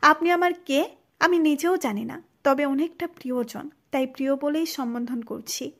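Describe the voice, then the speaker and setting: A woman's voice: sits high, normal speed. A woman voicing a young wife reading out her farewell letter, tender, wounded and resigned. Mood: sorrowful. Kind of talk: letter read aloud in a story.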